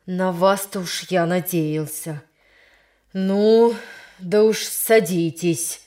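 A woman voicing an exasperated, angry male schoolteacher who shouts and scolds. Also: mid-range voice, animated, a little slow, close to an everyday voice. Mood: furious. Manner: shouting, then bitter and stern.

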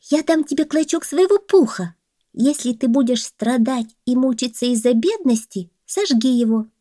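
Woman voicing a little mouse for a folk tale, high and chirpy, dry. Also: lively intonation, moderate pace, mellow, no room sound. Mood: eager. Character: tiny squeaky female mouse, eager to help.

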